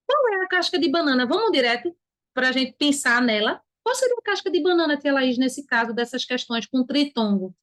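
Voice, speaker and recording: A woman's voice: high voice, a bit bright. A Brazilian woman teaching an online Portuguese lesson, who breaks words into syllables and keeps checking in with her students. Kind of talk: online exam-prep lesson.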